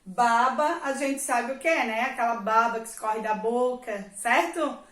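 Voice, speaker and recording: A primary school teacher with a slightly high, somewhat bright voice talks at a normal speed in an echoey room. She patiently walks young children through a reading lesson, stretching out and stressing the example words and checking in with them often.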